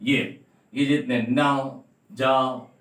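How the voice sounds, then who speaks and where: Male teacher, deliberate drilling delivery, echoey room, mic set back from him. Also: mid-range voice, fairly even intonation, a bit bright, far from the mic. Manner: slowly repeats and drills each sound, spells words letter by letter. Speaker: English teacher. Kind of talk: classroom-style phonetics lesson.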